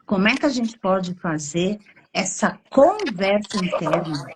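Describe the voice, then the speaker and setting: A Brazilian woman psychologist explaining on a live stream, acting out inner thoughts with drawn-out, expressive emphasis. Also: medium pitch, background noise. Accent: Brazilian Portuguese.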